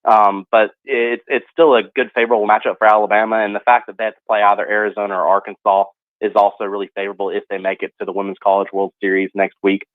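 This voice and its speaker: Man, sports radio guest: quick, filler-heavy delivery, slightly low voice, dry tinny phone-line sound. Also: flat delivery, no room sound. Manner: fast, filler-heavy analysis with many "you know" and "um". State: coughing from allergies. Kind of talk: casual sports radio talk.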